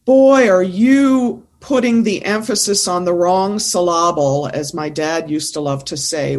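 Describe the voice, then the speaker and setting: A woman who coaches presentation skills, talking as a guest in an interview and making her points firmly and insistently. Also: lowish voice. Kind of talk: casual interview conversation.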